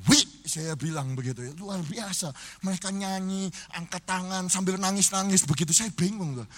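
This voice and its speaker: High, bright-voiced middle-aged man preaching. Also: normal speed. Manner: humorous, addresses congregation often, breaks into sung and shouted phrases. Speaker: pastor. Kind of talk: sermon. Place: church sanctuary, live.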